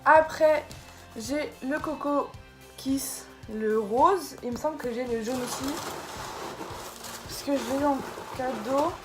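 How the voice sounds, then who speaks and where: High-voiced young woman unboxing a haul. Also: takes it slowly, long pauses, music in the background. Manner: chatty, loose, stumbles over product names. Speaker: beauty vlogger. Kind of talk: casual unboxing haul vlog.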